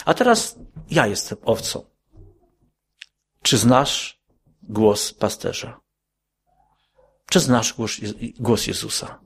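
A man preaches a sermon in a gravelly, husky voice. He keeps putting questions to his listeners and climbs sharply in pitch on his emphatic points. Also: lively intonation, slow pace, pauses often, a bit bright. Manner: questioning, rises to emphatic high peaks.

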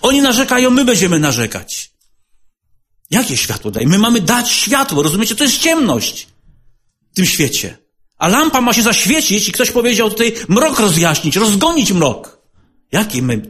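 Male lay preacher, slightly high and very expressive, earnest sermon with repeated rhetorical questions. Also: normal speed. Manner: repeats rhetorical questions, swings between loud and soft; earnest, exhorting.

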